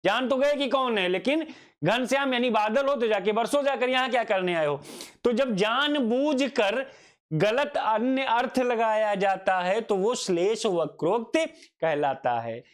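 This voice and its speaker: A man with a very high-pitched voice and lively intonation delivers an unhurried Hindi grammar lecture. Along the way he questions himself, goes over each definition twice, and fondly calls his students "child."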